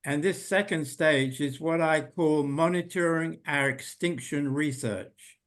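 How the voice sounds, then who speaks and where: An older man giving an unhurried, thoughtful talk over a video call, pausing often with ums. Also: on the high side, fairly bright tone. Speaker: invited presenter. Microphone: video call computer mic.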